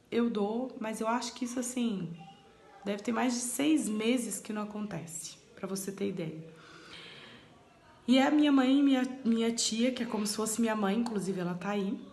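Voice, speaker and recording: A woman's voice: a little high, reverberant. A Brazilian woman in her thirties giving parenting advice in a chatty vlog, talking straight to her viewers. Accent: Brazilian Portuguese. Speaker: parenting vlogger.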